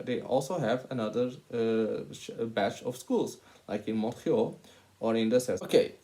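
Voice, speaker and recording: Here a twenties-aged man studying for a hospitality master's gives a camera presentation, hesitating often and filling gaps with sounds. He's from Portugal, has a Portuguese accent, and his voice sits mid-range with a dark quality.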